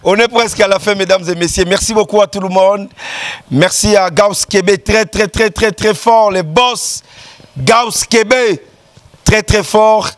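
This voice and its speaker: A man with a fairly high voice closes the show. He runs through thanks and shout-outs briskly, repeating himself for emphasis, on a dry recording. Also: dry recording. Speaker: show host.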